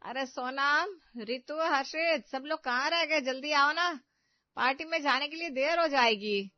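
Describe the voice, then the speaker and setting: A woman's voice: a little high, lively intonation, normal speed, dry recording, close to an everyday voice. A woman voicing an exasperated middle-aged mother-in-law who scolds the family, over faint music. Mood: scolding. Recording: muffled, faint background music.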